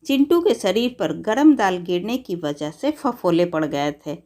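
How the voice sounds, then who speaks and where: Even-voiced woman reading a moral tale. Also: fairly low pitch, a little slow. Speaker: storyteller. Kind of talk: scripted narration of a moral story.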